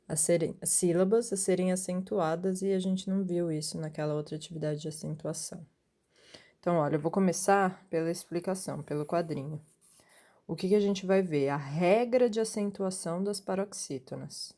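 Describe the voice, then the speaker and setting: A woman teacher speaks in a low, mellow voice. She explains patiently, asks her pupils questions and answers them herself, and keeps checking that they follow. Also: moderate pace. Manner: patient, checks in often with "sim?" and "certo?". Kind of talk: recorded classroom lesson for pupils.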